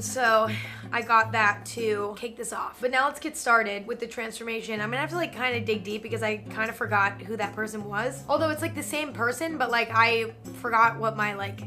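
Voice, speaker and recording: In casual vlog chat from a hotel room, a young adult woman from Northern California pokes fun at herself on camera, sprinkling in plenty of "like." Her voice is on the high side, bright and forceful.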